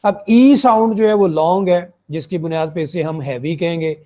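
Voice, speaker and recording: A man's voice: a little high, normal speed, darkish tone. A man giving a recorded phonetics lecture, explaining step by step, repeating points and checking that students follow. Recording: muffled lo-fi recording.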